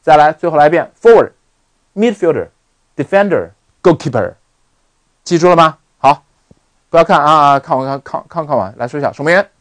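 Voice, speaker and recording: Male online English tutor, animated delivery with a dry, close mic. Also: a little high, normal speed, long pauses, no room sound. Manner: animated, repeats words for drill. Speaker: English teacher. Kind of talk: online lesson.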